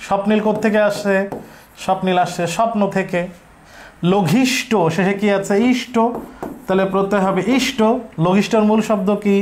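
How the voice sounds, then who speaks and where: Male teacher, Bangladeshi accent, high voice, online grammar lesson, asks and answers his own questions, repetitive drilling. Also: steady tone, moderate pace.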